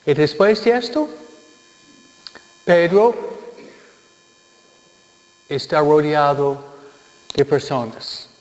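A male preacher delivers a joking sermon, often checking in with his listeners. He speaks slowly in a fairly high voice. The sound is dull and lo-fi, with long reverb from a large hall. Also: animated. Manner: jokey, keeps asking the listeners "¿no?". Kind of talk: humorous sermon.

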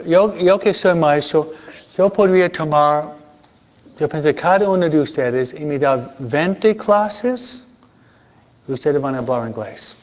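A priest and teacher speaks informally to a congregation, his voice sitting a little high for a man. He halts, repeats words and keeps checking in with questioning tags. The recording sounds muffled and lo-fi. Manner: halting, restarts words, frequent questioning tags. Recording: dull lo-fi recording.

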